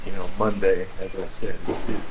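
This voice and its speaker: Guy w low-ish voice doing casual warehouse tour, kinda halting, noisy ambience behind him. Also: flat delivery. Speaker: company employee giving a warehouse tour. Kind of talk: casual walking tour chat. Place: large indoor warehouse, walking around. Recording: clear warehouse background noise.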